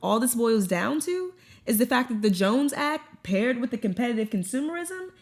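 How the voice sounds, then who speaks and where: A woman's voice: on the high side, sing-song, normal speed. A young woman co-hosting a scripted comedic news show, reading with sarcastic jokey asides. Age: young adult. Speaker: co-host.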